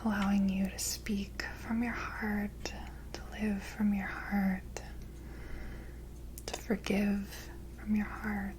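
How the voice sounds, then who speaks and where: Airy, breathy whispering woman, gentle mystical healer. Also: mid-range voice, flat delivery, slow, pauses often, slight background noise. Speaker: ASMR reiki energy healer. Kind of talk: whispered role-play, ASMR energy healing.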